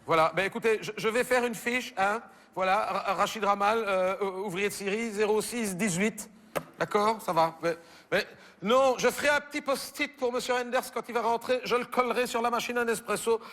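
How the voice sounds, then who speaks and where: A Belgian French comedian on stage, doing one side of a phone call, stammering and bemused. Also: male voice, high-pitched, moderate pace, fairly bright tone, long reverb tail. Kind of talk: stand-up phone sketch. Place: theater stage with audience.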